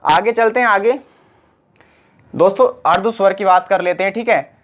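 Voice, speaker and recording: A man's voice: high-pitched, normal speed, a bit bright. Man teaching grammar, repeating points. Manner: repeats points and quizzes with rhetorical questions. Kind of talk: exam-prep grammar lesson. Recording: slightly dull lo-fi sound.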